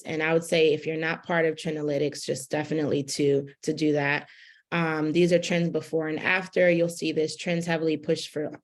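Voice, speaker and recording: A woman with a low voice leads a relaxed workshop lecture over a video call. She talks in a loose, conversational way, full of fillers, and checks in with her class by asking "right?". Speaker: fashion business instructor.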